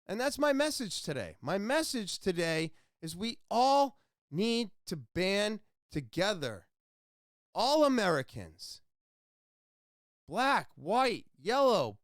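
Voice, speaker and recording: Podcast host, male, passionate solo rant, wide swinging pitch, unhurried delivery. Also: no echo, studio quality. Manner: impassioned, ranting, then quiet and somber. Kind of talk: solo opinion monologue.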